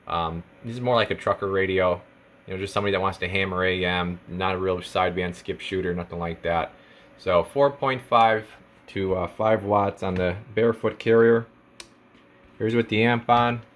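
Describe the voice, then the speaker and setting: Here a radio technician presents a radio he's selling, walking through it step by step in a relaxed, informal way and using trade jargon. His voice is low and a bit bright, and he keeps a moderate pace.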